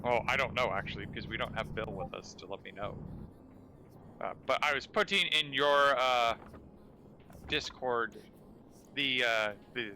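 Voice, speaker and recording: A man's voice: mid-range voice, a little slow, long pauses, pushed and bright, slight background noise, low-quality recording. A man streaming a co-op game, chatting casually and teasing in a playful put-on Russian accent. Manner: joking, teasing banter. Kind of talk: casual gaming chat.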